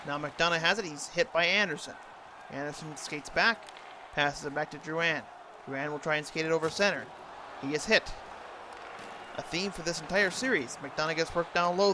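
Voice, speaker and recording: A man with a slightly high voice calls hockey play by play in the manner of a TV sports announcer. Clear background noise from the game runs behind his commentary. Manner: imitating a TV sports announcer's delivery. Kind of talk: live sports commentary over video game. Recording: noisy, game sound throughout.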